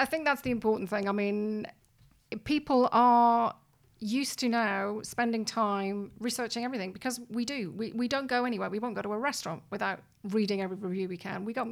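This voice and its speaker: A woman's voice: fairly high pitch, brisk, vocal fry. A woman hosting a conversational interview in an emphatic, encouraging way. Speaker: podcast host.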